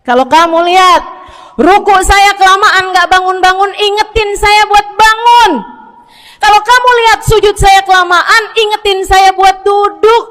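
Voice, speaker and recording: A woman's voice: very high voice, fairly even intonation, a little slow, fairly bright tone, in a large hall, pitched above the performer's own voice. A woman voicing a devout older male caliph who earnestly gives instructions, in a sermon story.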